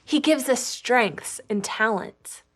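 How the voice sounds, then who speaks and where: A woman with a high voice leads a scripted children's church lesson. She talks to the kids in an upbeat, clear way, keeping every line simple and direct. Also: animated, slow, fairly bright tone.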